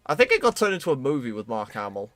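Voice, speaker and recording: A man's voice: medium pitch, very animated, fast, faint music behind. A British man talks through his modelling on a stream. His voice sits mid-range and easygoing. He keeps the chat loose, with dry, self-deprecating humour. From United Kingdom. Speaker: streamer, 3D artist. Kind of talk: casual chat while working.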